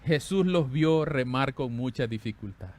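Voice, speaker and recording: A male pastor delivers a sermon in an animated, conversational style, moving between loud exclamations and hushed, tender lines as he poses questions to the congregation. His voice is medium-pitched and his pace unhurried.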